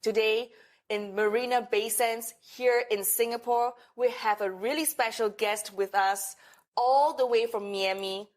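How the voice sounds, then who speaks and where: A woman's voice: fairly high pitch, fairly even intonation, measured pace. A woman hosting a podcast interview, speaking in an upbeat, promotional way. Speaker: podcast host. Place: hotel in Singapore.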